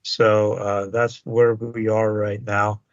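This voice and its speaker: Man, podcast co-host, slow halting chat, lots of fillers, dull lo-fi sound. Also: on the low side, little pitch movement, no room sound. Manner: halting, many fillers and restarts, chuckles often.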